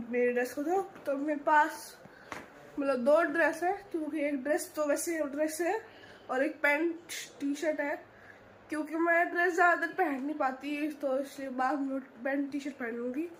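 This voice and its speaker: A hoarse young woman with a sore throat, chatting in a rambling casual vlog and filming on a handheld phone at home. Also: high-pitched, fairly even intonation, normal speed. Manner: chatty, rambling, fills with "theek hai" and "hai na". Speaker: vlogger. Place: home, preparing a family ceremony. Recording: noisy household background.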